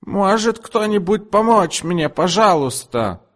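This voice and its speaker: A shrill, demanding heavyset older woman, as a male reader puts her on. She talks in a high, swooping voice that rings out in a reverberant room. Imperious and loud in every line. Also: lively intonation, slow, exaggerated voice. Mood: whining. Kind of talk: audiobook character voice.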